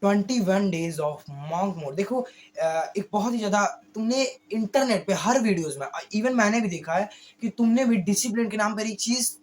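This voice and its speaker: A male YouTube creator with a hoarse voice, giving a casual motivational monologue slowly, often stumbling and correcting himself. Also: sits high. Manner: talks slowly on purpose, with frequent slips and self-corrections.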